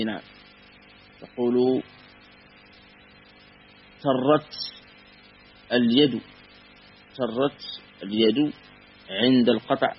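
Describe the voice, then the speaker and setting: A man teaching a classical grammar lesson, measured and patient, repeating and spelling out word forms slowly. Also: mid-range voice, breathy edge. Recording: dull lo-fi recording with faint hum.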